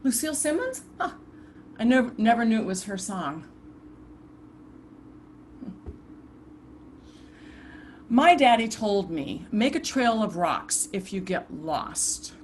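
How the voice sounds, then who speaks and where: An actress plays the restless ghost of a murdered woman civil rights volunteer in a theatrical monologue over a video call. She speaks haltingly, with sighs and broken restarts. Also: a little high, very animated, slight background noise. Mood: wistful. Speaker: stage actor performing a monologue. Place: indoors at home, performing over a video call. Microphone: video call computer mic.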